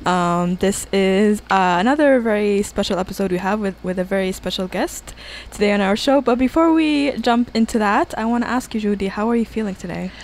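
A woman's voice: medium pitch, a little fast, few pauses, a little mellow. A woman hosting a radio show, chatting eagerly with plenty of fillers and restarts. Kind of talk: casual radio interview. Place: radio studio.

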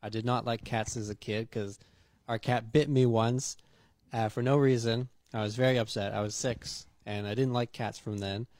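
A young man chatting casually, relaxed and self-deprecating, with many fillers. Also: mid-range voice, normal speed, no room sound. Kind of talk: casual chat.

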